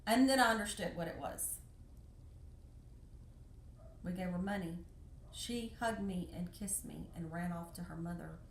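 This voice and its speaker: A woman's voice: fairly low pitch, measured pace, pauses often, reverberant, a little hiss or hum. An American woman talking to the camera about her travels, emotional and close to tears, pleading and repeating herself with passion. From United States. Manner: impassioned, pleading, repeats phrases. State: tearful, emotional. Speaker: vlogger. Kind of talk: emotional personal monologue.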